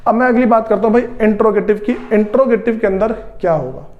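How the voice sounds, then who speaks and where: A man with a high voice teaches English grammar to his students. He talks slowly, repeats each rule, and keeps clearing his throat between the steps. His first language is Hindi. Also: muffled recording. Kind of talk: spoken grammar lesson.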